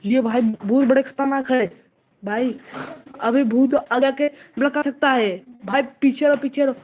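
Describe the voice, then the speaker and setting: A high-pitched woman narrates in an excited, casual way. She keeps repeating urgent warnings, and faint noise sits under her voice outdoors at night. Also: unhurried. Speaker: vlogger narrating. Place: outdoor home courtyard at night.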